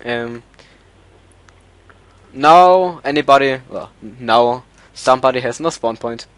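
A man's voice: medium pitch, slow pace. A man with a German accent, a native German speaker, hosting a casual multiplayer gaming chat and searching for words in English. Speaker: server owner and let's-play host.

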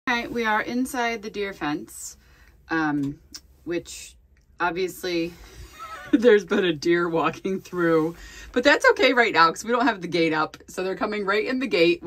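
Filming herself on a handheld phone, this thirty-something flower farmer chats her way through farm work outside in the cold, part of it from her car. Her voice is lowish, animated, slightly slow and a bit bright. It's relaxed vlog narration full of thinking aloud and self-correcting asides.

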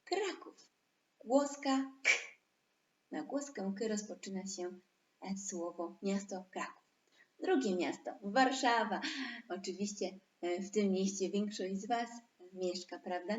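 A woman teaching an online lesson to young children, stretching out words for them to repeat. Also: mid-range voice. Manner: slow, drawn-out syllables for children to repeat. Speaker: preschool teacher. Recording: echoey room.

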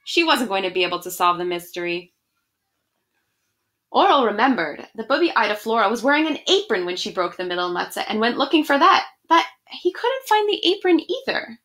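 A young adult woman reads a picture book aloud expressively from a small room at home, chatting casually to children between passages. Her voice is a little high, a bit bright, very animated, and brisk.

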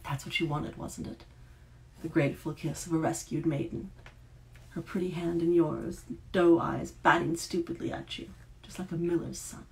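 A woman reading the part of a fierce, bitter young Huldra woman, often dropping to a hush. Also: low voice, steady tone, moderate pace, gravelly, a little hiss or hum. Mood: taunting.

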